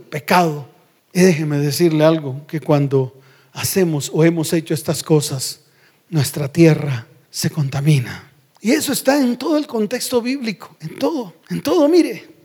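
Emphatic preacher with a high voice. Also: male voice, darkish tone, breathy edge. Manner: emphatic, questioning, drops to low voice for emphasis. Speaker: pastor. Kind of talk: sermon.

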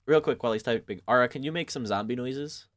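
A man's voice: medium pitch, fast. A man making dry quips while playing a story game with friends. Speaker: player in a group story game. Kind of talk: casual group game chat.

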